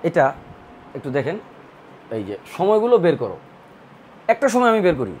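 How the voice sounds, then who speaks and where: A man tutoring math, working through a problem slowly and step by step, thinking aloud as he draws. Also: fairly high pitch, huge pitch swings, slight background noise. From Bangladesh. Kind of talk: recorded math lesson.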